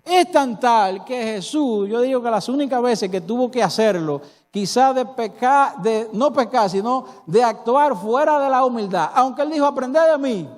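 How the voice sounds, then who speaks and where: In a reverberant church hall, a Dominican man preaches at a normal speed in an expressive, very high voice. Emphatic and speaking Dominican Spanish, he fills the sermon with rhetorical questions to the congregation.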